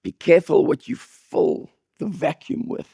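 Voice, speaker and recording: Gravelly, husky-voiced male preacher. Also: a little slow, dry recording, studio quality. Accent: non-local accent. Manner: animated, jokey storytelling with sudden high bursts. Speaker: pastor. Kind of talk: sermon.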